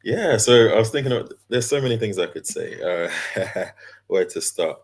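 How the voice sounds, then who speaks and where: A laid-back man in his thirties talks as an interview guest. His voice sits very low and deep. He speaks in an easygoing, unhurried way, with plenty of fillers. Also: expressive, husky. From London, England. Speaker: guest, character designer and illustrator. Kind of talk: casual interview chat.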